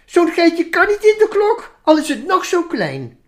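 Cheeky storybook sheep, read by a woman, high and indignant. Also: wildly swooping pitch, a little slow, full character voice. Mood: protesting. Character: cheeky, contrary female sheep.

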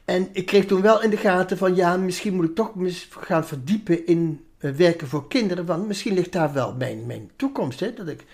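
Woman illustrator, reflective interview talk, lowish voice. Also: animated, normal speed, few pauses, a little mellow. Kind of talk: interview conversation.

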